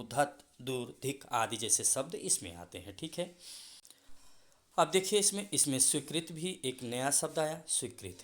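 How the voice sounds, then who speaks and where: A male school teacher giving a grammar lesson, explaining slowly, repeating example words and calling the students "beta". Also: medium pitch, a bit bright.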